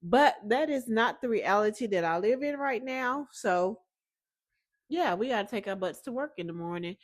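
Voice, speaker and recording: A young adult woman with a Southern American accent, chatting casually and rambling through a home vlog. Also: medium pitch. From Southern United States. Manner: chatty, rambling, relaxed asides. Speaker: vlogger.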